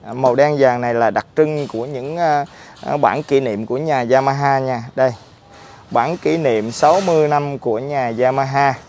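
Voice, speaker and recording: A middle-aged man talks to viewers in a casual vlog style. His mid-pitched voice is slightly muffled by a face mask. He speaks haltingly, pausing to think as he presents outdoors as a dealer. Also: darkish tone, slight background noise. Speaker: motorcycle dealer presenting on own channel. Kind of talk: casual vlog product review. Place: outdoors in a public park by a street.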